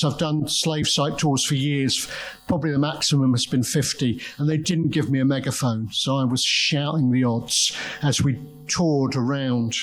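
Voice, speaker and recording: A man's voice: mid-range voice, poor audio. A man giving an academic conference talk, telling a story with restarts and quoting other people. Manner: storytelling, with quoted voices and restarts. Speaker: conference speaker.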